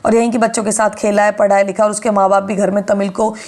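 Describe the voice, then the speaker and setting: A woman's voice: mid-range voice, level tone, fast, a little mellow, low-quality recording. A woman teaching an exam-prep lecture, explaining step by step and asking and answering her own questions.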